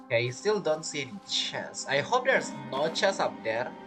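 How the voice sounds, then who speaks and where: This man narrates a playthrough at a moderate pace, his slightly high voice sing-song. Game music runs underneath as he muses casually, repeats phrases and asks himself questions.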